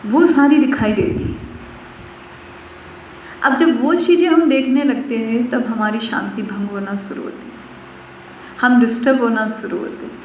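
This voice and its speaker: A woman's voice: a little high, unhurried, pauses often, a little hiss or hum. Distant woman giving a devotional discourse. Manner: repeats phrases and asks the listeners questions. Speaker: spiritual teacher. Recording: far-off voice in an echoey room on a tinny phone-like line.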